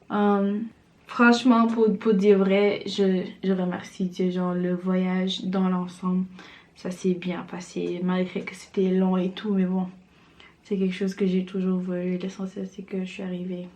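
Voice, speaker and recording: Speaking to her camera as she applies makeup, a young vlogger from Senegal keeps things casual and chatty in a mid-pitched voice. Her relaxed, wandering talk is full of fillers such as "genre," and the setting sounds like a room in her home.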